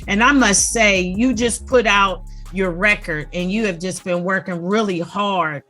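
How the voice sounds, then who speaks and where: A woman's voice: mid-range voice, a little slow, pushed and bright, faint music behind. A woman hosting a casual podcast interview over a video call, upbeat and friendly with an easygoing street slang. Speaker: podcast host.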